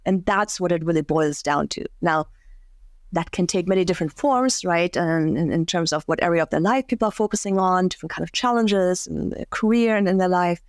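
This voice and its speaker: A woman's voice: fairly low pitch, a little fast, no echo. A woman from Germany, a career and life coach, talking reflectively as a podcast guest, with many restarts and fillers.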